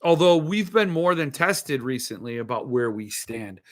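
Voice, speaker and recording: A medium-pitched man with lively intonation talks at normal speed, rambling casually about his interests as host of a book-collecting show. Hesitant and thinking aloud, he drifts into asides, and a lisp renders his s sounds slushy.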